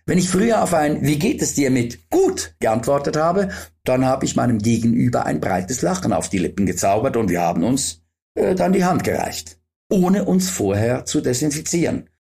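Wry, animated male comic storyteller. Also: medium pitch, normal speed, gravelly. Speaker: comedian.

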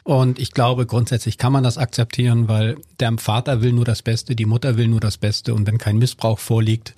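A middle-aged man, a family counselor, explaining parenting calmly in conversation with some hesitation fillers. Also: medium pitch, moderate pace, no room sound. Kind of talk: conversational expert advice.

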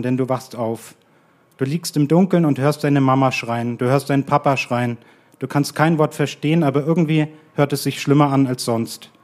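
A man reading his own short story aloud at a live radio event, in a calm and measured way that slows to quiet, drawn-out lines. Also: mid-range voice. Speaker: guest author reading his own text.

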